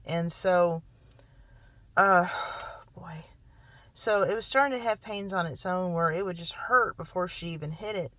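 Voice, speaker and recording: A woman's voice: fairly low pitch, normal speed, few pauses, a bit bright, dry recording, rough recording. A woman vlogger recounting a personal story in an emphatic, repetitive way, often checking in with "okay?" and sounding shaken. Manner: emphatic, repetitive, keeps adding "okay?" and "really"; emotionally shaken when recounting hurt.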